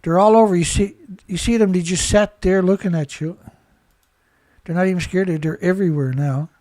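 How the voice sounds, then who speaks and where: This Canadian host, nose clearly stuffed up, delivers his own news commentary in an indignant, rambling style full of rhetorical questions. He talks fairly quickly in a steady, darkish voice that sits fairly high for a man. The sound is close and dry, with no room around it.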